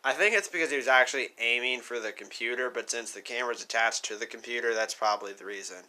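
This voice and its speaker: A man hosting a reaction video with a very bright, sharp-edged voice. His commentary is casual and slangy, built on exasperated rhetorical questions. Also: mid-range voice, quick pace.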